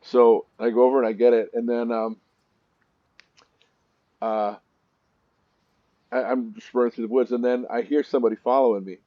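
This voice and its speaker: A man's voice: medium pitch, little pitch movement, moderate pace, pauses often, no echo, lo-fi sound. A man hosting a let's-play gaming video, telling stories in a chatty way with nervous asides.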